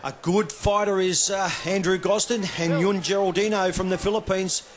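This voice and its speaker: A man's voice: high-pitched, steady tone, moderate pace. A man with an Australian accent hosting and giving live boxing commentary.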